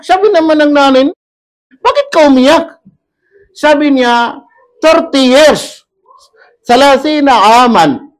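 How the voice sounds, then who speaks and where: A man giving a storytelling sermon, his voice rising and falling with the tale, weaving in Arabic recitation. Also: extremely high pitch. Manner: animated, voice rising when telling the story; mixes Arabic recitation into talk.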